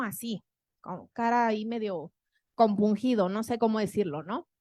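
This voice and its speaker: A woman's voice: high-pitched, a little mellow, dry recording, clean studio sound. A woman with a Mexican accent giving a conversational lecture to an audience, often tagging her sentences with rhetorical questions.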